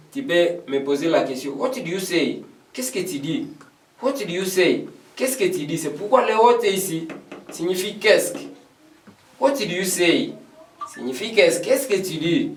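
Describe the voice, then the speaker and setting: High-voiced teacher in an echoey room. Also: male voice, distant mic. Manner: repeats example phrases slowly and deliberately. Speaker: English teacher. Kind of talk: beginner language lesson.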